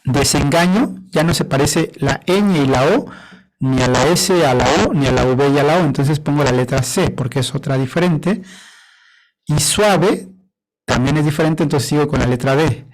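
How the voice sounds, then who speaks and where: A man teaching a class on poetry, his voice sitting a little high for a man. He is patient and steady, slowing down to count syllables out loud one by one. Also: poor audio.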